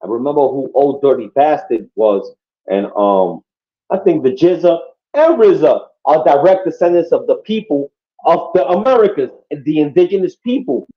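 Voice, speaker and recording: A slightly high-voiced man from Puerto Rico podcasts at a moderate pace with lively intonation. Casual yet emphatic, he swears freely and keeps checking in with "you know what I mean," though the recording is muffled and lo-fi.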